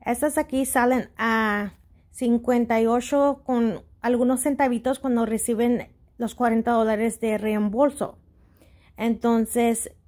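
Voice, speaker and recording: Hosting a casual, step-by-step shopping tutorial in Spanish, this woman sounds a little hesitant and slips in English words. Her voice sits on the high side with a darkish tone.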